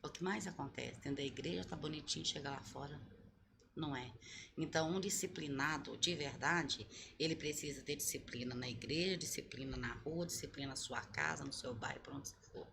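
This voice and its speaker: Casting: low, gravelly woman pastor, earnest and didactic, with faint noise behind. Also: fairly quick. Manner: earnest, teaching, repeats key points. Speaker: pastor, guest. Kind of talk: sermon-like answers in a podcast interview.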